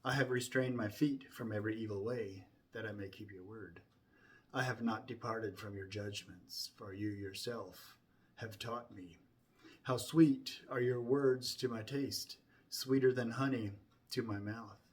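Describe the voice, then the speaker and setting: A man reciting scripture from memory in a solemn, deliberate way, starting phrases with emphasis and softening toward the ends. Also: lowish voice, fairly even intonation.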